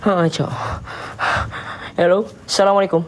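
A man's voice: high-pitched, little pitch movement, normal speed, a little hiss or hum. A young man hosting a night ghost-hunting vlog in an abandoned house, taunting the spirits and muttering prayers.

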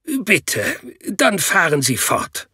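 A man puts on a grudging, impatient professor for a storybook audio drama. The voice is pitched up, a little husky, dry and close to the mic. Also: very animated, takes it slowly, sharp tone, dry recording, exaggerated voice. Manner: grudging and reluctant.

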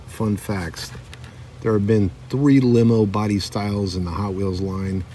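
A middle-aged diecast collector with a deep voice vlogs his toy car finds in casual show-and-tell style, relaxed and chatty, reading the card backs aloud. He's at an outdoor table beside a lake on a windy day, sitting some distance from the camera mic, so wind rushes through the recording.

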